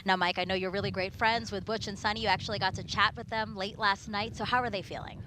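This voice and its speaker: A woman hosts a live broadcast in a bright, crisp-edged voice at a middling pitch. Faint ambient noise sits behind her presenting. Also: fairly even intonation, fast talker. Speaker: launch broadcast host.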